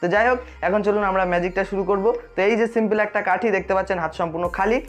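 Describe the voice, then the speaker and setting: Fast-talking host of a magic tutorial. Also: medium pitch, fairly even intonation, soft background music. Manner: addresses viewers directly, repeatedly checks they follow. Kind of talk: magic tutorial to camera, explanatory.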